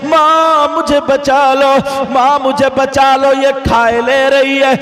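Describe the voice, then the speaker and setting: A man's voice: extremely high pitch, level tone, takes it slowly, a bit bright, pitched above the performer's own voice, full character voice. A preacher voicing a terrified girl crying for help. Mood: pleading. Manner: pleading, wailing cries. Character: terrified young girl crying for her mother. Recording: echoey public address with long reverb.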